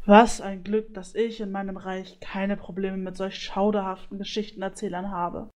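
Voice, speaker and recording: A woman's voice: medium pitch, level tone, normal speed, a little mellow, lightly acted. A woman doing a pompous self-crowned griffin. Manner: grandiose, off-key singing. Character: pompous male griffin, self-styled count.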